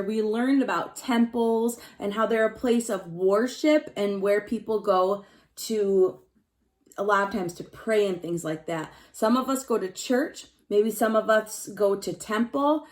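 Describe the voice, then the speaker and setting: A woman with a mid-range, slightly mellow voice reads a picture book aloud to young pupils as their teacher. She pauses to explain things in simple words, stresses the key words, and puts questions straight to the children.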